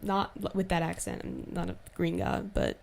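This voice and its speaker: A woman's voice: lowish voice, flat delivery, vocal fry, darkish tone, a little hiss or hum. Chatty young woman telling a story. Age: young adult. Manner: chatty, heavy use of "like" fillers, quick asides and self-corrections. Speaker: podcast host. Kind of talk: casual solo storytime chat.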